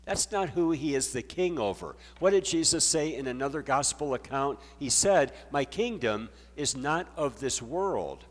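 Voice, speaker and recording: A man preaching a sermon as pastor, reading scripture and explaining it in a measured way. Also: medium pitch, in a large hall.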